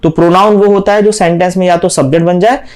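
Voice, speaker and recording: A man's voice: high voice, fairly even intonation, fast talker, a little mellow. A young man teaching English grammar in a lecture, explaining step by step in Hindi with English terms mixed in and often checking in with his students. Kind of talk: classroom lecture.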